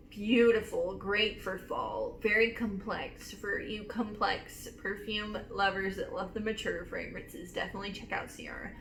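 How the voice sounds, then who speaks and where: A woman in her twenties casually reviewing perfumes, gushing and emotional with drawn-out emphasis. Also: medium pitch, fairly even intonation, vocal fry, a bit bright. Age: 20s. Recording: echoey room with faint noise.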